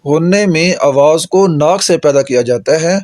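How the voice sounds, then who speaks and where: Patient tajweed teacher, dry close sound. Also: male voice, on the high side, darkish tone, dry recording. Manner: patient, repeats each letter slowly for practice. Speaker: Quran recitation teacher. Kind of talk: tajweed lesson.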